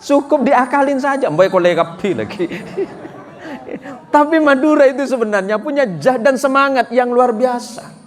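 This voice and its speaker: A male preacher telling a humorous story to a congregation in an animated way. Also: extremely high pitch, normal speed. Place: gathering with a live audience. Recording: faint audience laughter.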